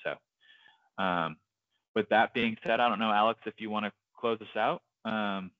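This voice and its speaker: A man giving a live software tutorial, talking in a casual, hesitant way with many fillers. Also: on the low side, fairly even intonation, measured pace, no echo, highs cut off. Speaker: software trainer.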